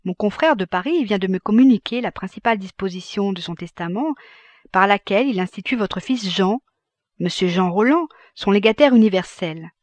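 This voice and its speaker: A woman reading the part of a calm, businesslike male notary in a grave, measured tone for an audiobook. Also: sits high, dry recording.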